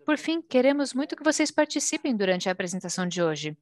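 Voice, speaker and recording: A woman with a Brazilian accent interpreting a formal speech live, phrase by phrase with pauses. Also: fairly high pitch, very animated. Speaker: simultaneous interpreter.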